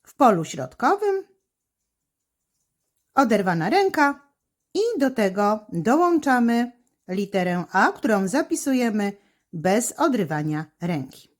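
A woman teacher explaining handwriting step by step, slowly and patiently, to children. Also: medium pitch, big pitch swings.

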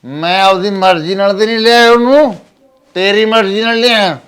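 A man's voice: high-pitched, normal speed, a bit bright, clear, resonant tone. An actor playing a surly, drunk young husband who talks back defiantly to his mother. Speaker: son and husband. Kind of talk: village family drama acting.

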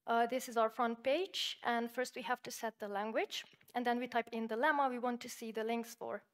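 At an academic conference, a presenter whose native tongue is Slovenian demonstrates software, explaining at a measured pace with frequent fillers. She speaks on the high side with fairly even intonation.

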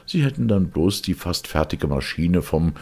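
A man's voice: deep voice, expressive, moderate pace, a little mellow, slightly rough, voice pushed up, full character voice. A man voicing the story's hesitant male first-person narrator, who asks and reasons cautiously, in an audiobook. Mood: doubtful.

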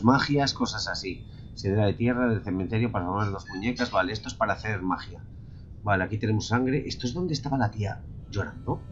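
A man's voice: fairly low pitch, lo-fi sound, slight background noise. A man from Spain with a Spanish accent, commenting on a horror game; he swears, whispers when tense, yelps at scares and keeps talking to his viewers as lads. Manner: jumpy and profane, drops to whispers and bursts into yelps. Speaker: gamer.

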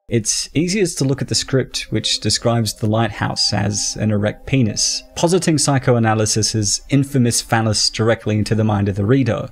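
A man giving scripted, measured narration for a film explainer video. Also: medium pitch.

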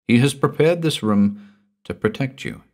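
A man voicing a calm, polite hospital attendant who speaks quietly and deliberately in a story reading. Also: medium pitch, pitched above the performer's own voice.

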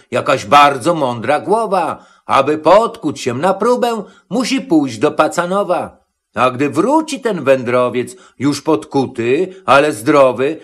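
A man reads a children's rhymed tale aloud in an expressive, rhythmic way. His fairly high voice rises and falls a great deal. He takes the verse at an unhurried pace. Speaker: narrator. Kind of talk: rhymed storybook reading.

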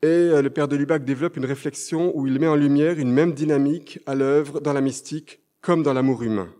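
A man's voice: on the high side, fairly even intonation, fairly quick, dark tone. A man with a French accent giving an academic conference lecture, hesitating often with fillers and reading quotations aloud. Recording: long hall reverb.

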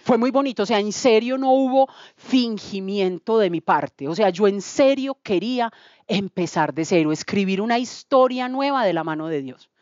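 Lively Colombian woman giving testimony. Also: medium pitch, moderate pace, no echo, dull audio. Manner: lively storyteller acting out dialogue. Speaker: testimony speaker. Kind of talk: spoken testimony to a church group.

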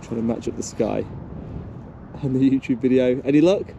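A man's voice: medium pitch, moderate pace, creaky, highs cut off, background noise. A young man vlogging on an open hillside with an action camera held at arm's length, chatting casually and giving directions with a few jokes. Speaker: vlogger hiking guide. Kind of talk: casual outdoor vlog chat.

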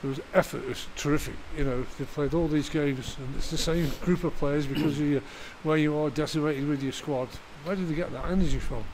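A man interviewing a football manager after a match, asking his questions in a brisk, chatty way. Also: on the high side, fairly even intonation, a little mellow, slight background noise, rough recording.

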